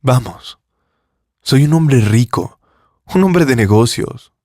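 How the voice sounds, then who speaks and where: A man's voice: mid-range voice, animated, slow pace, mellow, dry recording, clean studio sound. A man playing a rich, arrogant young businessman who speaks in a dismissive, controlling way.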